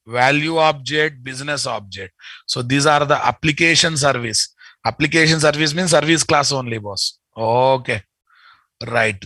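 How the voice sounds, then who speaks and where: Teaching informally on a live video call from indoors, a middle-aged software instructor with a Telugu Indian accent repeats his phrases and speaks to learners familiarly. His voice is on the high side and sharp, with no room sound.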